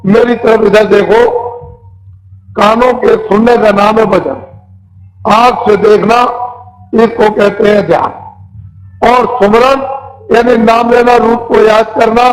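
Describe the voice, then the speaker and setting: A man's voice: sits high, low-quality recording. A man preaching a devotional sermon as a spiritual teacher, instructing in short, simple, repeated phrases. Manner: quizzes listeners with simple questions.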